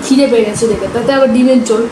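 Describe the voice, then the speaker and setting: A high-voiced woman with a Bengali accent talks fast and casually while chewing a mouthful of food. Her voice rings in an echoey room with clear background noise. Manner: relaxed, chatty, talking between bites. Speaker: eating-show vlogger. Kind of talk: casual chat to viewers.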